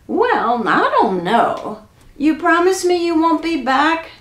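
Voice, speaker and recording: A woman's voice: sits high, very animated, slow pace, fairly bright tone, echoey room, voice pushed up, heavily acted. A woman doing sly folksy young country man. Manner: folksy drawling dialect.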